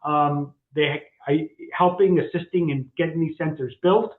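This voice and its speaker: A man co-hosting a casual market discussion, halting with frequent fillers and restarts. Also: a little high, steady tone. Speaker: co-host, financial advisor. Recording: echoey, phone-like sound.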